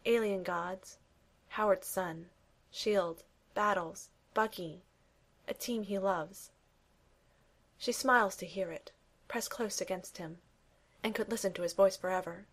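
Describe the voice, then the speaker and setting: Woman reading a story aloud. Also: medium pitch. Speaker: narrator. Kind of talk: fan fiction reading.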